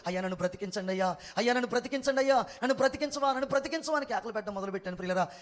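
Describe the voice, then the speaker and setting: A man preaching a passionate testimony sermon from a church stage, speaking into a handheld microphone, calling out for praise and acting out his own cries. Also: high-pitched. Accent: Telugu. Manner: fervent, calls for praise, acts out cries. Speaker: pastor. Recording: long hall reverb.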